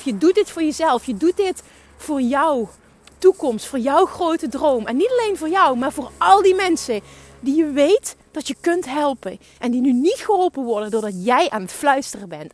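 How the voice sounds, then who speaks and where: A woman's voice: high-pitched, animated, normal speed. A young woman giving an emphatic, urging motivational monologue as a podcast host, swearing for emphasis. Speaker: podcast host and business coach.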